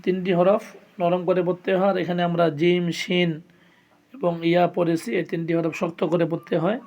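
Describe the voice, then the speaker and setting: A man's voice: sits high, level tone, a little fast, a little mellow, highs cut off. A man teaching the Arabic letters as a Quran lesson, patiently sounding out each letter and repeating it for learners. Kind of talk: slow step-by-step pronunciation lesson.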